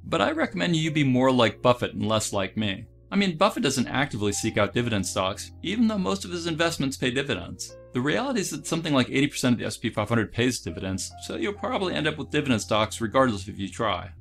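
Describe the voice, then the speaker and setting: A man reads a scripted investing commentary at a quick clip. His voice has a gravelly, fry-tinged edge, and his tone is earnest and advisory. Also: medium pitch, very animated, fairly bright tone, faint music behind. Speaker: dividend investing channel host.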